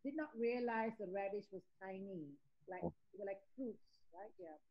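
A woman joining a cooking class over a video call, asking questions haltingly while she searches for words. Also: mid-range voice. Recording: dull lo-fi video call audio.

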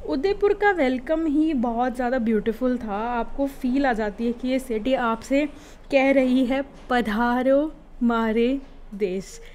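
A young woman narrating her first flight as a travel vlogger, excited and reflective, mixing in English words. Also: sits high, takes it slowly, slight background noise.

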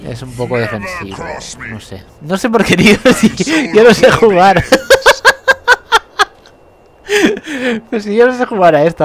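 A young man giving casual, self-mocking commentary over a video game he admits he plays badly. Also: fairly low pitch. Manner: self-mocking, bursts into laughter and yelps. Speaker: gameplay commentator. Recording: game sounds and noise behind the voice.

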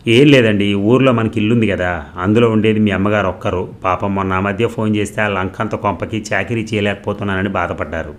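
A man voicing a selfish, nagging young wife who scolds loudly and complains. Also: fairly even intonation, brisk, natural voice. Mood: eager. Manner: loud, shrill and complaining.

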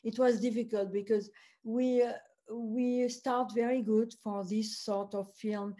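In a festival Q&A conversation, a woman film producer with a French accent speaks non-native English in a fairly high, dark-toned voice with fairly even intonation. She is halting, hesitating often with many uhs as she searches for English words.

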